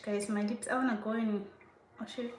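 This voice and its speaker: A woman's voice: mid-range voice, fairly even intonation, brisk, a little mellow, a little hiss or hum. Sarcastic woman, echoey kitchen. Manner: sarcastic, outspoken, laughs often. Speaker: vlogger. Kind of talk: casual chat to viewers. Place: home kitchen while washing dishes. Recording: echoey room, mic far off.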